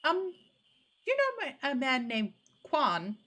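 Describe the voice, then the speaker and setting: A woman's voice: high voice, huge pitch swings, unhurried, a bit bright, heavily acted. A woman voicing a timid, polite young child in a video game. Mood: shy curiosity.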